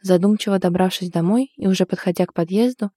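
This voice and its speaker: A woman reads a story aloud with an even, storyteller's delivery. Her voice is mellow and dark, and the close, dry recording has no room sound at all. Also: on the low side, fast, dry recording. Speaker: audiobook narrator. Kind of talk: scripted narration.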